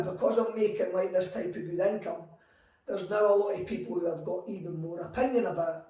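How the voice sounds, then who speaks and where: A man in his forties telling his story in an interview, animated and acting out quoted conversations. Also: sits high. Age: 40s. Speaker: guest entrepreneur. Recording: echoey room, mic at a distance.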